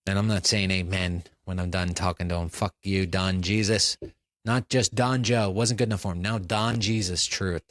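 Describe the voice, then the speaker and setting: A man's voice: sits low, steady tone, moderate pace, no room sound. A man hosting a comedy podcast, playing an incredulous, exasperated interviewer.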